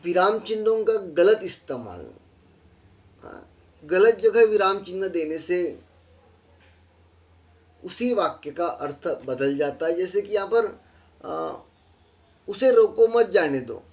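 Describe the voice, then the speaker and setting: Higher-pitched man teaching a slide lesson. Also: animated. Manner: explains patiently, repeats key phrases, pauses with fillers. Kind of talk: classroom lesson over slides.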